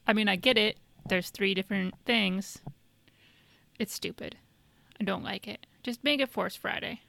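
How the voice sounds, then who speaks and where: A woman co-hosting a casual podcast, giving blunt, deadpan opinions. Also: medium pitch, normal speed, creaky, no room sound. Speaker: podcast co-host. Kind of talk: casual chat.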